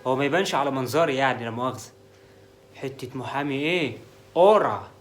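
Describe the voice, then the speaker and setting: A man's voice: mid-range voice, lively intonation, fast, natural voice. An actor with an Egyptian accent playing a boastful, joking con-man lawyer in a comedy sketch. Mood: bragging. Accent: Egyptian Arabic. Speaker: con-artist lawyer named Adel.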